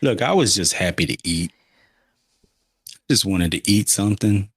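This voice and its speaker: Man, very deep voice, podcast co-host, relaxed teasing chat, dry sound. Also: husky, no room sound. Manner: laid-back, teasing, quick backchannel replies. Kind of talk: casual chat.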